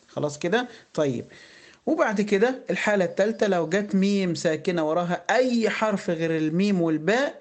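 Patient Egyptian man teaching recitation. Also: high voice. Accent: Egyptian Arabic. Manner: explains patiently, asks rhetorical questions, draws out words slowly. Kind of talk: tajweed lesson with slow recitation.

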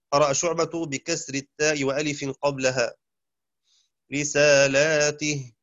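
A man teaching a lesson in a measured, explanatory way, now and then chanting short recited passages. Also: a little high, a bit bright, no room sound. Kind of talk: lecture. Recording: dull, dry lo-fi sound.

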